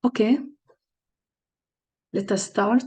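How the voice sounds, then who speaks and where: Woman from palestine running a webinar over a video call, lots of uhs, middle pitch. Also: steady tone, slow, darkish tone, breathy edge. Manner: hesitant, with frequent fillers and restarts. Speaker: webinar host and lead coach. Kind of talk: online webinar presentation.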